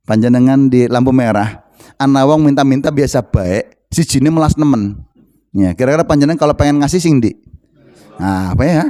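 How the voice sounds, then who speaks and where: A man's voice: medium pitch, normal speed, warm tone. A middle-aged man with a Tegal Javanese accent preaching a sermon to a congregation. He jokes and teases his listeners, then chants Arabic verses. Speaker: ustadz preacher. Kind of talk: sermon at a Sunday morning study gathering.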